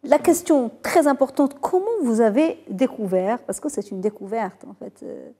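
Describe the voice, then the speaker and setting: A woman's voice: fairly high pitch, lively intonation, moderate pace, mellow, breathy edge. Woman hosting a studio interview. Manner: guides with short prompts and follow-up questions. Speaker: TV interview host.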